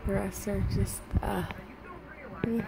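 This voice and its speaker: A woman's voice: medium pitch, steady tone, slow, creaky, background noise. A woman in her thirties, talking casually in a personal vlog with a finger in her mouth, hesitant and repeating words. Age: 30s. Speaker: vlogger.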